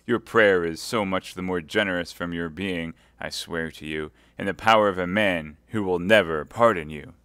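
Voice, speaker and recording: A man reading aloud voices a stern, vengeful English baron who mocks his prisoner with loud, sneering words. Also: deep voice, moderate pace, dry recording, studio quality. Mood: mocking. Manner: sneering, mocking, forceful.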